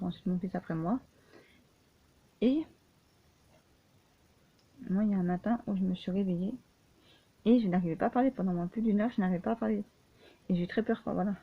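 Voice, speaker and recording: A woman speaks in a casual personal vlog, halting and full of restarts, sounding tired and a bit breathless. Her voice sits slightly low. The recording is narrow and tinny, like a phone line. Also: vocal fry. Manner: halting, many restarts and fillers, frequent "voilà". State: often tired and short of breath. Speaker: vlogger.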